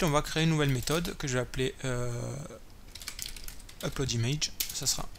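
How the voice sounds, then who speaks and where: Amid keyboard typing, clicks and slight background noise, a man with a slightly high, somewhat bright voice talks through a screen-recorded coding tutorial. He thinks out loud as he types, filling in with many fillers and correcting himself often.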